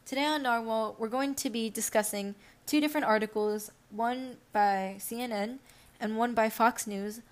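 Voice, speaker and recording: A woman's voice: fairly high pitch, steady tone, normal speed. A young woman hosting a podcast, reading news articles aloud and breaking off into unscripted remarks with fillers. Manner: unscripted asides with fillers between read passages. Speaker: podcast host.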